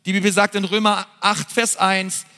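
A man's voice: sits high, flat delivery, moderate pace. A man preaching a sermon as pastor, earnest and talking straight to his listeners with frequent fillers. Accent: German. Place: large church hall. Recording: church hall with long reverb and soft music.

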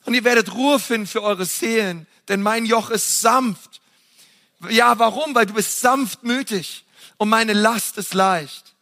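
A man preaching a sermon, passionate and emphatic, talking straight to his listeners in a casual way and swinging between loud and soft. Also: sits high, a little slow. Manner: casual, direct address to the audience.

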